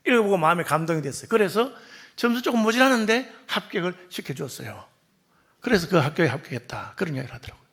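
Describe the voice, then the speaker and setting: Lively high-pitched preaching man. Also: fast. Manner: storytelling, acting out quoted dialogue; drops to soft, quiet tones for emphasis. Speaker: pastor. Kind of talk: sermon.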